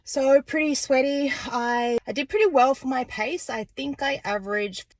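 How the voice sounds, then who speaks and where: A woman's voice: high-pitched, moderate pace, dry recording, rough recording. A woman, chatting casually to camera as a running vlogger, upbeat and self-encouraging. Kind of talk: casual vlog chat to camera. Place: outdoors and in a car after a run.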